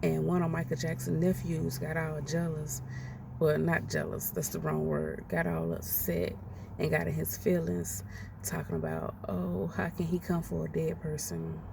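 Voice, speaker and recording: Heard from a distance on a noisy recording, a gravelly-voiced woman in her 40s vents her views on a podcast. Her pitch sits low and her delivery is flat at a normal speed. The rant is casual, blunt and full of profanity.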